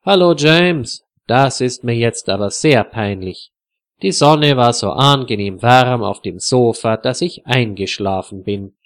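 A man voicing an easygoing, friendly older husband in a slow storybook reading. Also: medium pitch, no echo, studio quality, natural voice. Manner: friendly, relaxed.

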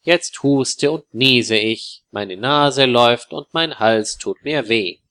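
A man's voice: medium pitch, takes it slowly, sharp tone. A man voicing a hotel guest with a cold, speaking in plain, simple sentences in a storybook reading. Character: a hotel guest, a man who has caught a cold and is annoyed.

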